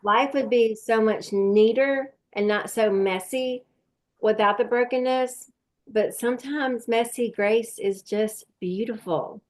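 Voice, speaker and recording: A woman's voice: a little high, slow, a little mellow. A woman hosting a faith podcast, speaking in a thoughtful, searching way. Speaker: podcast host. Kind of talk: faith-based conversation.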